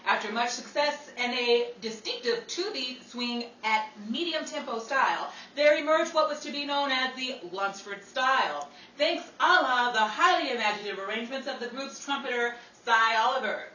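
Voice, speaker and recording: With a slightly high, sharp voice, a woman delivers a scripted history piece in the manner of an old-time newsflash, formal and theatrical, at a moderate pace with hardly any pauses. The audio is echoey, distant and a little noisy.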